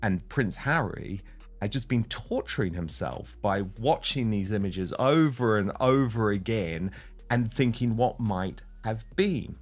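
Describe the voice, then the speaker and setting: A man presenting a panel discussion, chatty and quick with asides to his guests. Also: fairly low pitch, lively intonation, soft background music.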